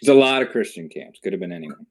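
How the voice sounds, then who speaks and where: A man's voice: on the low side, expressive, quick pace. A young man in casual comedic podcast chat with dry, self-deprecating humor. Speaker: podcast co-host.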